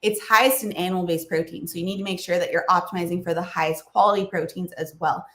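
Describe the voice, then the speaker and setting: With a lowish, slightly bright voice, she talks quickly in a steady tone in an echoey room. She's a nutrition channel host answering livestream questions casually, with fillers, small laughs, and a froggy throat that brings coughing and throat-clearing.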